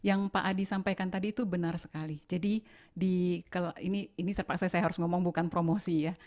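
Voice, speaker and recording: A woman hosting a seminar session, speaking in a polite, measured way. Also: on the low side, fairly even intonation, darkish tone. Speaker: session host. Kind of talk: seminar moderation.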